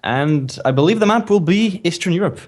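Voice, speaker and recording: A man's voice: high-pitched, animated, fairly quick, a little mellow. A man co-commentating a live online tank tournament. He talks in an analytical way and calls out tactics. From Slovenia. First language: Slovenian.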